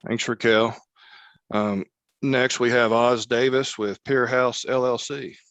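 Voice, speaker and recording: A man moderates a panel discussion, with a flat, even delivery and frequent filler words. His voice sounds dry and close, with no room echo. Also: mid-range voice. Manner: measured, many filler words.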